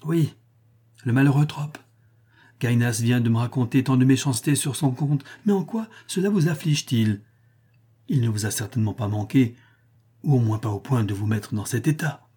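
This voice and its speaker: A man voicing a weak, anxious emperor who speaks softly and pleadingly, often sighing. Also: mid-range voice, moderate pace, husky, natural voice. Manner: soft, sighing, beseeching.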